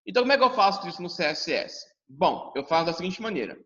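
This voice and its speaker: A man's voice: high voice, very animated, quick pace, fairly bright tone. A Brazilian man teaching a class, talking directly to his students and acting out their questions. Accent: Brazilian Portuguese. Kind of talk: lively classroom lesson. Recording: dull sound with long reverb.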